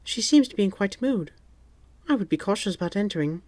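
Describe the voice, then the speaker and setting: A woman's voice: mid-range voice, expressive, fast talker, darkish tone, dry recording, pitched above the performer's own voice, lightly acted. A man voicing a coy, flirty female office secretary who teases playfully. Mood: teasing. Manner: playful, teasing.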